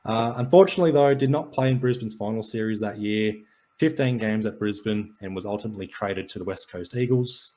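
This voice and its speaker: A man with a lowish, slightly mellow voice co-hosts a casual podcast about sports and wrestling. He runs through stats and match notes with a dry, jokey delivery.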